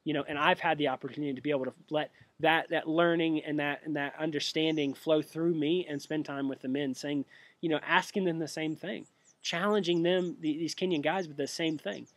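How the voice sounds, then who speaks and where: Halting earnest young man with a cough. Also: on the high side, steady tone, fairly bright tone, no room sound. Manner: halting, many restarts and repeated words; earnest and prayerful. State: sick with a cough. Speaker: missionary giving a monthly update. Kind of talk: casual spoken update.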